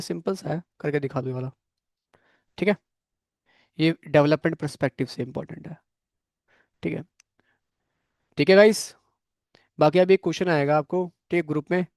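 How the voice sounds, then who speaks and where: A young man leads a programming class, speaking bluntly but encouragingly to students in the room and online. His voice sits a little high, and the recording is dry with almost no room sound. He keeps pausing to check that everyone is following. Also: darkish tone, dry recording. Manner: frank, coaching tone, frequent "theek hai" check-ins. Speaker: programming course instructor.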